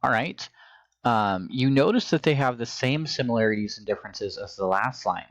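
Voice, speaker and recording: A man's voice: mid-range voice, animated, moderate pace, no echo. A man teaching a phonics and reading lesson to young children, with patient, encouraging instructions.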